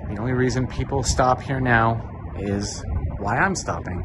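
A man in his thirties talks at a normal speed in a mid-range voice while vlogging a walking tour through open desert. Recorded on a handheld camera or phone mic against a noisy background, this travel vlogger keeps things casual, with wry asides and questions posed to himself.

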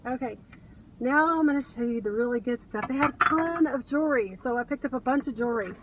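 Talking fast in a high-pitched voice, this middle-aged American reseller vlogger sits in her car and gushes to the camera about her thrift finds. The high frequencies are cut off, and the distant mic in the cabin also catches background noise.

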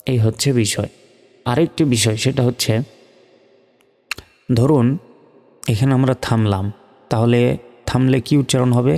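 A man teaching Quran recitation step by step, spelling out letters and vowel marks, then chanting the words slowly and drawn out. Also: mid-range voice, mellow, in a large hall, faint music behind.

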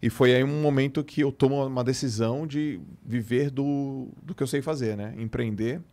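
Animated Brazilian man telling a story. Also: mid-range voice, normal speed. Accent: Brazilian Portuguese. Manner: animated storyteller who acts out quoted dialogue. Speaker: podcast guest. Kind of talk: casual chat, storytelling.

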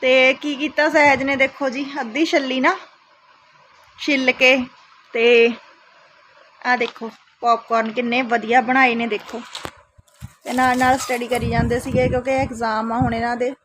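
A woman's voice: sits high, little pitch movement, moderate pace, long pauses, a bit bright, a little hiss or hum. A woman from Punjab in her thirties, a mother chatting casually to her family vlog audience and often tagging "isn't it" onto her sentences. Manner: chatty, keeps adding "isn't it" tags.

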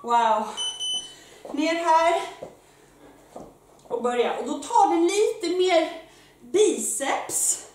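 A woman fitness coach who is out of breath, leading a workout with energetic, loud exclamations while she exercises. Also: very high voice, pauses often. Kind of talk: live workout instruction. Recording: very echoey room, mic far off, faint noise.

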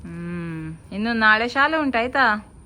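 A woman's voice: medium pitch, lively intonation, slow, sharp tone. Chatty mother vlogging at home. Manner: chatty, coaxing and teasing with her child. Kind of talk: casual home vlog chat.

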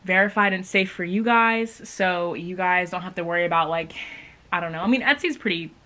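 A woman's voice: on the low side, fairly quick, pushed and bright. A young American woman vlogger chatting casually to the camera at home, rambling with lots of "like". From Maryland, United States. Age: young adult. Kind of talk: casual day-in-the-life vlog chat to camera. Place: rooms at home, indoors. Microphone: camera at arm's length or propped nearby. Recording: clearly noisy home camera audio.

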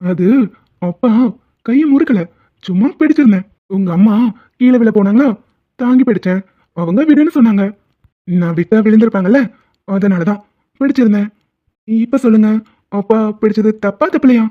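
A woman's voice: on the high side, moderate pace, pauses often, lightly acted. Woman voicing a flirty cartoon husband, tinny. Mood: flustered. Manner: flirtatious, defensive explaining. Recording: tinny phone-like sound.

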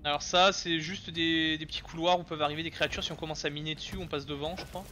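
A man giving casual commentary while playing a video game, excitable, swearing and laughing when startled. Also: on the high side, quick pace, slight background noise. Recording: game music underneath.

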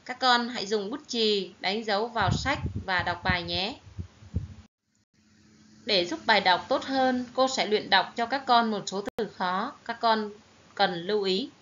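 Slow-spoken Vietnamese woman teacher, lo-fi. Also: medium pitch. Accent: Southern Vietnamese. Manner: slow, careful, clearly enunciated teaching delivery. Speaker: primary school teacher. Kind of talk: recorded online reading lesson for children. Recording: dull lo-fi recording with faint hiss.

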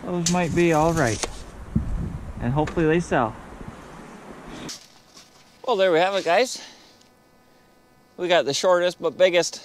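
A young man running a sawmill in a snowy yard, talking casually and unhurriedly to the camera, muttering measurements to himself as he works. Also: a little high. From Canada. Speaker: sawmill operator. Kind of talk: casual narration while working. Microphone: action camera. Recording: loud engine and outdoor noise.

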